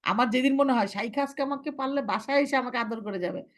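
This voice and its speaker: Firm woman teacher, slightly high voice. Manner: firm, instructive, demonstrates recitation slowly. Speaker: Quran recitation teacher. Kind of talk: online class instruction.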